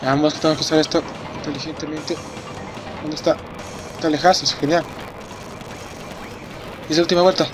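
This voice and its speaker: An excitable young man comments live on his racing game, swearing and shouting as he plays. His voice sits a bit high for a man. Loud game music and engine sounds play behind him. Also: normal speed, long pauses. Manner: excitable, swears a lot, reacts loudly to the race. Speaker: let's play gamer. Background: racing game music and sound effects.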